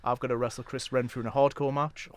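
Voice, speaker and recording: A man's voice: mid-range voice, flat delivery, quick pace, no room sound. A man with a North East English accent chatting casually as an interview guest, explaining things plainly step by step. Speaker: guest, wrestling promoter.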